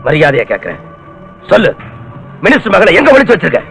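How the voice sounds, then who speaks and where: Hot-headed bully cop, up and down voice, faint music behind. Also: male voice, sits high, huge pitch swings, quick pace, gravelly, fairly bright tone, full character voice, low-quality recording. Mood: aggressive. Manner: aggressive, interrogating, taunting. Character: bullying hot-tempered male police officer. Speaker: police officer. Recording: film soundtrack with music.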